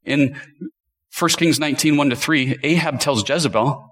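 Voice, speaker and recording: A man's voice: fairly high pitch, moderate pace, a bit bright. A man preaching a sermon, reading scripture aloud and building to rhetorical questions with emphatic delivery.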